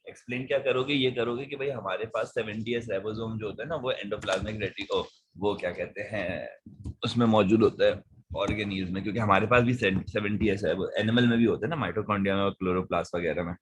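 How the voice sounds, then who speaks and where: A man's voice: fairly low pitch, fairly even intonation, quick pace, a little hiss or hum. A man teaching biology, patiently walking students through past-paper questions in mixed Hindi and English. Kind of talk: online past-paper lesson.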